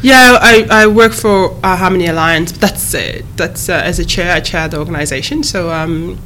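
A woman in her thirties who grew up in East Africa, a guest answering interview questions in a measured, careful way with frequent pauses and restarts. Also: on the low side, a bit bright, a little hiss or hum. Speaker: guest, human rights advocate.

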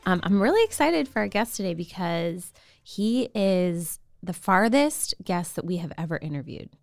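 Upbeat woman co-host, slightly low voice. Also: sing-song, normal speed, vocal fry, faint music behind. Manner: upbeat, warm, chatty. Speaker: podcast co-host. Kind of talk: podcast hosting.

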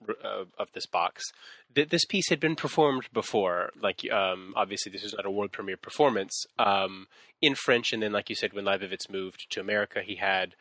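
A man's voice: on the low side, sharp tone, no echo. A man hosting a podcast interview, asking long, eager questions with many restarts. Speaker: podcast host.

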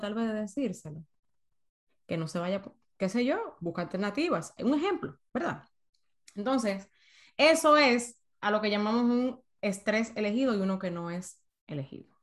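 A woman coach giving an emphatic workshop talk on emotional eating, repeating points and calling out to her listeners. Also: mid-range voice. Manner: emphatic, repeats herself, addresses audience as señores.

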